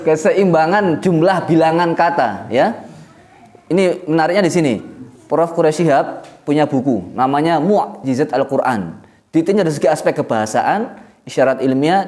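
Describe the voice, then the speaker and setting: Middle-aged East Javanese man, animated preacher teaching students, slightly high-pitched, joking and lively. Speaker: pesantren head teacher. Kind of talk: religious lecture to students.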